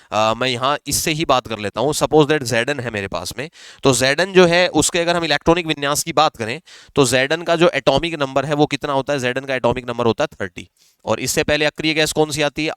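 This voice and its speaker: A man's voice: fairly high pitch, fairly bright tone, smooth, no room sound. A male chemistry teacher with a Rajasthani Hindi accent, explaining exam questions step by step and answering his own questions. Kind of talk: exam-prep chemistry lesson.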